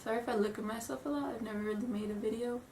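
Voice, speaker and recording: In a home vlog, a stuffy-sounding young woman with a cold talks very fast, rambling nervously, apologizing and giggling. Her voice is a little high and a little mellow, with fairly even intonation. A distant, roomy home camera picks her up, with a little hiss or hum.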